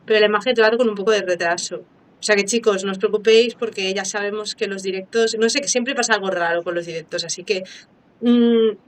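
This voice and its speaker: A woman hosting a live online interview, chatty and playful and quick to laugh. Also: medium pitch, fairly even intonation, poor audio. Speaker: interviewer and live stream host. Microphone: phone, live video stream.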